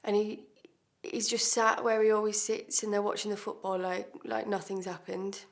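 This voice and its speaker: A woman's voice: medium pitch, flat delivery, moderate pace, lightly acted. A woman acting a blunt, defiant woman, confessing under questioning in a swearing, hesitant self-tape monologue. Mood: bitter. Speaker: actor.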